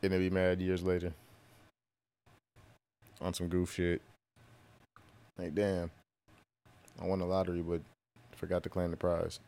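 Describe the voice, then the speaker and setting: A man's voice: sits low, completely flat delivery, a little slow, long pauses, mellow. A young man from North Carolina co-hosting a casual podcast, joking around, rambling, and asking his co-host lots of questions. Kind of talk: casual chat.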